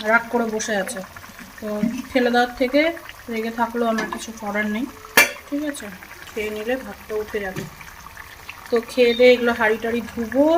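A woman's voice: a little high, background noise. A woman in her thirties from Bengal chatting casually through her home vlog as she explains her chores. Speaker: vlogger. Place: home kitchen and bedroom.

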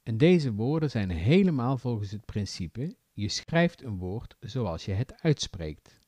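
A man from the south of the Netherlands with a southern Dutch accent, giving a clear, deliberate scripted lesson. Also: mid-range voice, dry recording. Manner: clear, deliberate explanatory delivery with lively intonation. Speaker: language teacher. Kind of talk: scripted educational narration.

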